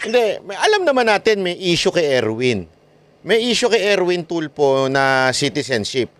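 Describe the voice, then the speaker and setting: A man from the Philippines giving animated political commentary as a vlogger, mocking his critics and laughing often. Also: on the high side, normal speed.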